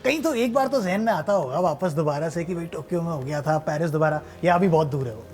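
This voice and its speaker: A man's voice: on the high side, animated, fast, a little mellow. A man hosting a sports interview, asking questions in a chatty, enthusiastic way and affirming answers often. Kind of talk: casual interview.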